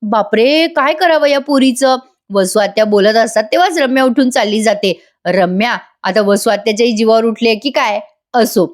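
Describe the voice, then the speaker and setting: Brief: friendly woman reviewer with a fairly high voice, chatting to viewers in voice-over. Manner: chatty, addresses viewers directly. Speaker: TV serial reviewer.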